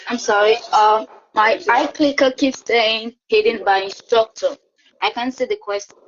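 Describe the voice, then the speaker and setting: A woman's voice: on the high side, steady tone, measured pace. A woman student asking a hesitant question in an online class over a choppy connection that breaks up. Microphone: video call. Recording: dull lo-fi call audio.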